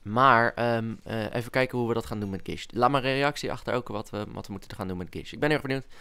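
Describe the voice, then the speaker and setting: Young male gamer, mid-pitched, chatty and excitable, coaxing whispers. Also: fast, gravelly, clear, resonant tone. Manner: excitable, chatty, whispers and coaxes to game animals. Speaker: gaming YouTuber. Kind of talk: casual Let's Play commentary.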